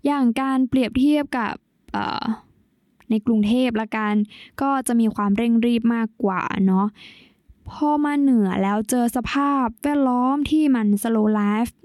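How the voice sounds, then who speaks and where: A woman's voice: on the high side, measured pace, a little mellow, no echo, studio quality. A young woman from Thailand, hosting a solo podcast in a chatty, explanatory, polite way. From Nan, northern Thailand. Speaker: podcast host.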